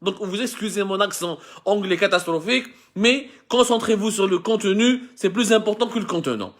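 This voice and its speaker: A man's voice: high-pitched, lively intonation, normal speed. A man in his thirties with an Algerian accent, hosting a live online show as an impassioned monologue, often restarting and correcting himself mid-sentence.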